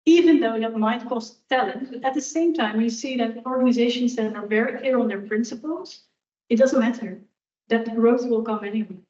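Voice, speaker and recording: Speaking briskly with a warm, fairly high voice, a woman guest speaker fields audience questions in a university lecture hall, candid and reflective in her answers. She's picked up by a distant, dull room mic amid the hall's echo.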